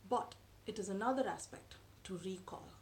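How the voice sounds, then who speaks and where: Seated on her living room sofa, a female vlogger in her thirties, a native Tamil speaker, explains things to a camera placed close in front of her. Her medium-pitched delivery is measured and thoughtful, with frequent pauses, and there's slight background noise.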